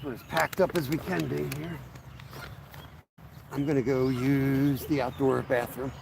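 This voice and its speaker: There's a noisy background as a man with a gravelly, mid-range voice hosts a fishing vlog on a riverbank. He talks a little slowly with fairly even intonation, staying easygoing and speaking right to his viewers in casual outdoor chat.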